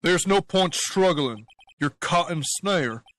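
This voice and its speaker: Brief: a man as an earnest, slightly nervous young lawyer, fairly high voice, game playthrough. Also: lively intonation, slow, a bit bright, dry recording, exaggerated voice.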